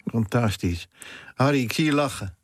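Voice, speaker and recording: A man's voice: medium pitch, animated, moderate pace, no room sound. A man presenting a night radio show in the studio, cheering his guests on eagerly. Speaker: radio host.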